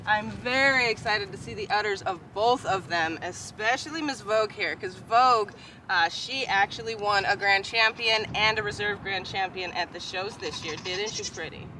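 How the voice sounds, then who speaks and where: Bright-voiced chatty woman outdoors. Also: mid-range voice, moderate pace, low-quality recording. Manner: chatty, affectionate talk to animals. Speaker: goat farmer and vlogger. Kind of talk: casual vlog narration. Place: outdoors in a goat pasture. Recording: outdoor noise with bleating goats. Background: goats bleating, faint outdoor ambience.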